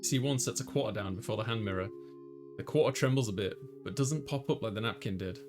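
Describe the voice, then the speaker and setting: A let's player reads a visual novel's narration and dialogue aloud in dramatized fashion while playing. He talks fast in a fairly low voice, with clear background music behind him.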